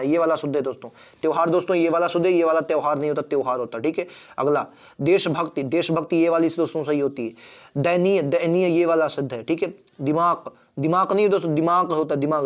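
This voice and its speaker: A man teaching an online exam-prep Hindi lesson, repeating words and checking in with "theek hai". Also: a little high. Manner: repetitive, drills spellings with "theek hai". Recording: dull lo-fi recording.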